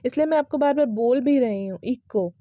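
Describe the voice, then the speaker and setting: A woman's voice: sits high, normal speed, warm tone, dry recording, muffled recording. Woman teaching English pronunciation. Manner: explains patiently, spells words letter by letter, often asks "right?". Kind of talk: casual classroom explanation.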